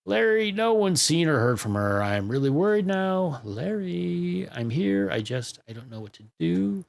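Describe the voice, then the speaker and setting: A man's voice: a little high, lively intonation, measured pace, creaky, mellow, pitched above the performer's own voice, exaggerated voice. A man voicing a chatty, teasing female best friend with a bubbly manner. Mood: worried.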